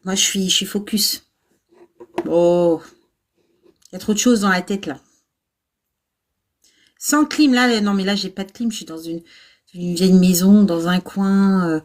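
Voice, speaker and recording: Chatting casually with viewers from an old, un-air-conditioned house, a middle-aged livestream host who coaches nursing-assistant VAE candidates laughs often, pokes fun at herself, and fills with hesitations. She speaks at medium pitch, a little slowly and mellow, pausing frequently.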